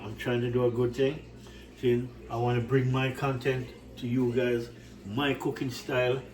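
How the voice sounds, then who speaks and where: A Jamaican man with a mid-range voice and a Jamaican accent chats casually to viewers of his cooking channel from his home kitchen. He's warm, repetitive and rambling, constantly tossing in "right?". The recording is rough and picked up from a distance.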